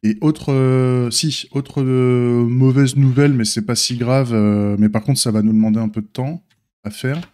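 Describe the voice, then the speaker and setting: A man's voice: mid-range voice, fairly even intonation, unhurried, warm tone. A man with a slight lisp and slushy s sounds, giving a casual unscripted stream update in an informal, hesitant, thinking-aloud way. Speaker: streamer and software developer.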